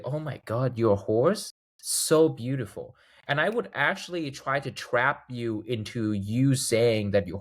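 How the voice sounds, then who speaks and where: A man in his thirties from Thailand, a guest chatting casually in an interview and acting out examples as he talks. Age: 30s. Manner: animated storyteller, acts out quoted lines in a higher voice. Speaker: guest, video game composer.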